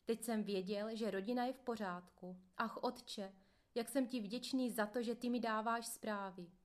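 A woman narrating a first-person memoir in a steady, earnest manner. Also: a little high. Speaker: audiobook narrator.

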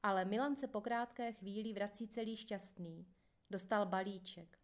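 A woman reading a first-person memoir aloud in a calm, measured way. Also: medium pitch. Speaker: audiobook reader. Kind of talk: scripted first-person narration.

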